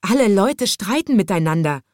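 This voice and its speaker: A woman voicing an excited, desperate male train conductor in a children's story, talking in an agitated, pleading way. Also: mid-range voice, measured pace, no echo, clean studio sound, pitched above the performer's own voice.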